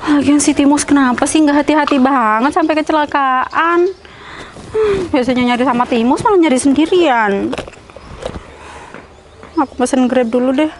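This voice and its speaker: A woman acts out a talkative young house-hunter in a homemade skit, muttering to herself and pressing her partner on the phone in a fairly high voice. A faint hiss of background noise stays underneath. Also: moderate pace, long pauses, natural voice. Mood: chatty. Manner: chatty, talks to herself and on the phone. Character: chatty young woman hunting for a house, bossy. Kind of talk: amateur skit acting.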